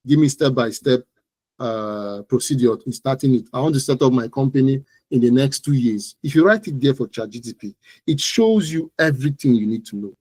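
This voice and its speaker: A man with a Nigerian accent appears as an expert interview guest, explaining things in an emphatic, instructive, conversational manner and often repeating phrases. His mid-range voice is warm, and the audio is poor but free of room sound.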